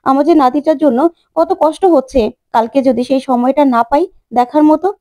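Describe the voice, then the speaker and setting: Woman doing a sad blunt old granny, high voice, kinda mellow. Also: brisk, natural voice. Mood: grieving. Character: grieving elderly grandmother, blunt and fearful.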